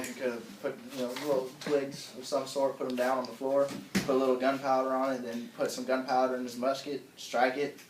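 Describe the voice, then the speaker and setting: A man's voice: mid-range voice, lightly acted. A man with a Southern accent playing a laid-back interviewee who rambles and repeats himself, recorded far off in an echoey room with noise.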